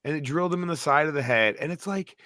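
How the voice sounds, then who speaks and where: A young man from New Hampshire, a podcast co-host, telling a story in casual chat, animated and swearing. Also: fairly high pitch, fast talker, no room sound, studio quality. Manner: animated, swearing, acts out quotes loudly.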